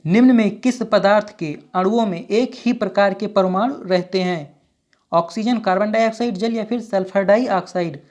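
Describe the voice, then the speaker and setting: A woman teacher reading out exam questions and options and then giving each answer, with steady, repetitive phrasing. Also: mid-range voice, normal speed. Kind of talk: exam quiz walkthrough.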